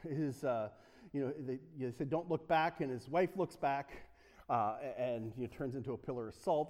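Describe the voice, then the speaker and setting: A man's voice: medium pitch, a little mellow, long reverb tail. A man from the United States preaching a casual sermon in a church, joking and chatty, with many fillers and restarts. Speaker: pastor.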